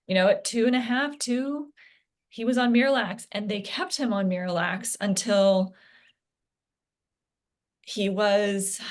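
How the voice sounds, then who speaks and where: A woman speaking as an interview guest, a parent recounting her son's health journey in an earnest, halting way with frequent restarts. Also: medium pitch. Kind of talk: candid interview conversation.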